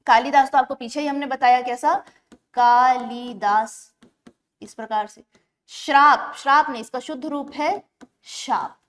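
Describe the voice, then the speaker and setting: A woman teaching an exam-prep grammar lesson, explaining step by step and slowing down to spell words out syllable by syllable. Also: sits high, steady tone, a bit bright. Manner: explains step by step, often checks in with the class.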